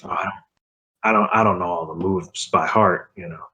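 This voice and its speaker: A man speaking in character during a tabletop game, offhand and easygoing. His voice is very low. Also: steady tone, normal speed, sharp tone. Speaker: player.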